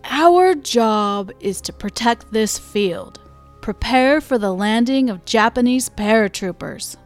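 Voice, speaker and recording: A man's voice: high-pitched, lively intonation, slow, faint music behind. A woman voicing a stern male battalion commander giving firm orders. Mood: commanding.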